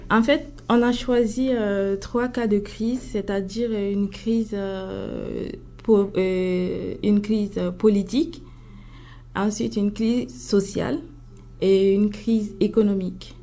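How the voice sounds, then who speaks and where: A young woman, a student organizer, answering radio interview questions haltingly with many fillers. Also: medium pitch, fairly even intonation, mellow. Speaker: student event organizer, guest.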